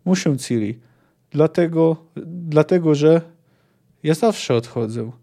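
A weary, stoic monster hunter in a read-aloud story, as a man reads him, terse and resigned. His voice is low, mellow and dark. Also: expressive, takes it slowly, creaky, heavily acted. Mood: grim resigned.

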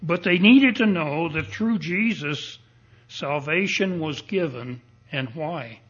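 A man preaches at a pulpit microphone in a church. His voice sits somewhat high and sounds husky, and he speaks slowly and deliberately, pressing each point with emphasis. The recording is dull and muffled. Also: animated, fairly bright tone. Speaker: pastor. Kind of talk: expository sermon. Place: church sanctuary.

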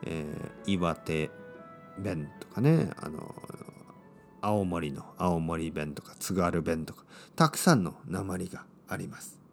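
A man from Oita, Japan, teaching Japanese to learners in slow, simple, clearly spoken sentences. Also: faint music behind. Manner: slow and clear, with lively swings in pitch.

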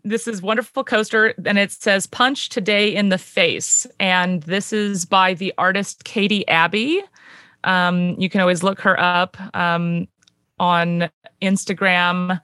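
Slow-talking woman on a podcast, bright clear voice, lots of ums, dry close sound. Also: on the low side, no room sound. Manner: unhurried, hesitant with many ums. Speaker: guest musician. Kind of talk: casual podcast chat.

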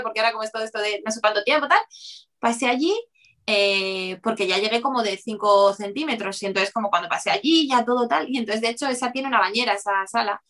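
Fast-talking woman telling a story. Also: on the high side, fairly bright tone. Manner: rapid, rambling, full of "o sea" restarts. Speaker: interview guest. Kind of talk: personal storytelling in conversation.

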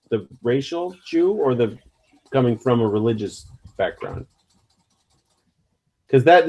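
A man's voice: medium pitch, darkish tone, poor audio. A man in his early forties chatting casually. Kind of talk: casual chat.

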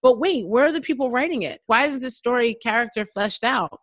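A woman talking casually about comics and pop culture, acting out quoted reactions in a quick, chatty way. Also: fairly high pitch, animated, a bit bright, dry recording. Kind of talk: casual conversation.

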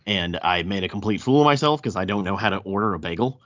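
A man's voice: low voice, animated, fast, fairly bright tone. A man with a thick Southern US accent hosting a casual podcast chat, often stammering and repeating words as he goes. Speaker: podcast host. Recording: dull, roomy echo.

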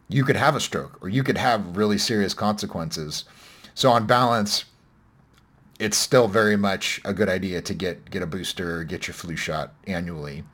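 Low-voiced rambling male podcast host. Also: a bit bright. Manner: rambling, self-correcting, wry. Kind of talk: casual podcast discussion.

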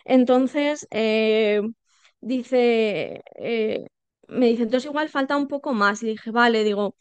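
A woman, telling her birth story as a podcast guest, animated and acting out quoted dialogue with many fillers. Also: on the high side, slow, smooth, dry recording, dull audio. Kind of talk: personal birth story told in conversation.

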